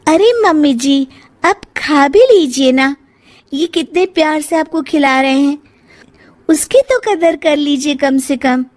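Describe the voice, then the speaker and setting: Woman playing an outspoken, high-voiced young daughter-in-law. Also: animated, slow pace. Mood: chiding. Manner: pointed, reproachful.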